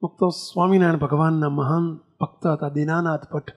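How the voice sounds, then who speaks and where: A man giving a devotional discourse. He tells stories in an animated way and often poses rhetorical questions to his listeners. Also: on the high side, a little fast. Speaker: spiritual leader giving a discourse. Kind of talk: devotional storytelling sermon.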